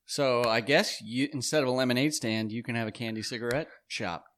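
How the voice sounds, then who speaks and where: A man's voice: mid-range voice, brisk, a bit bright. A man hosting a casual chat, joking with mock-serious banter. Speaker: host.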